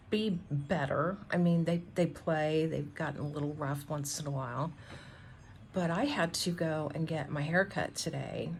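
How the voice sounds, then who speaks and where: A middle-aged woman with a low voice talks casually to the camera from a small front porch. She rambles along conversationally, leaving trailing pauses, with some outdoor noise behind her. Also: vocal fry. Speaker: vlogger. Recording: noticeable outdoor background noise. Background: outdoor ambience.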